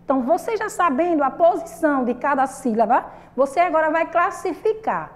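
A woman's voice: sits high, expressive. A woman teaching a primary school lesson to children with a Brazilian Portuguese accent, patient and repetitive, asking the class questions and drawing out syllables. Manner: patient, repeats and asks the class questions, drawn-out sung syllables.

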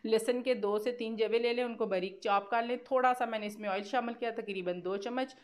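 A cooking vlogger with a Pakistani accent talks through the steps in a casual, conversational voice-over, repeating filler phrases as she goes. Her voice is fairly high and steady, and she speaks briskly.

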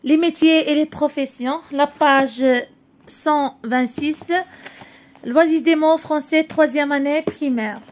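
Lady teacher, high voice, going real slow through syllables for kids. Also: steady tone. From Morocco. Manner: sounds out syllables slowly, explains in Moroccan Arabic. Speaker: primary school French teacher. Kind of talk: slow syllable-by-syllable reading lesson.

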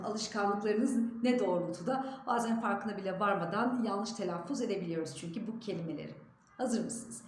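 A woman giving a pronunciation lesson on her channel, speaking clearly and deliberately and stressing contrasting example words. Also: mid-range voice, a little mellow, roomy sound, slight background noise. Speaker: diction teacher.

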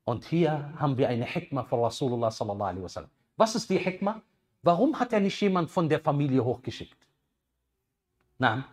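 A man in his thirties giving a lively sermon on a headset mic, swinging between loud bursts and quiet asides. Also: fairly high pitch, brisk. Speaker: preacher.

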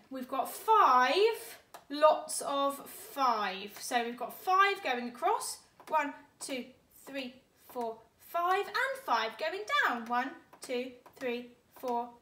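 Woman, slow-paced primary teacher, teaching a child to count step by step, encouraging, roomy echo. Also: sits high, fairly bright tone. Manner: encouraging, addressing pupils directly. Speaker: primary school maths teacher. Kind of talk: instructional maths lesson for young children.

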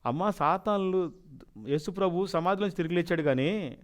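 A man voicing an elderly male village pastor who gently chides a mother. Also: high-pitched, normal speed, close to an everyday voice. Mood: chiding. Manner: gently chiding, ends phrases with "amma".

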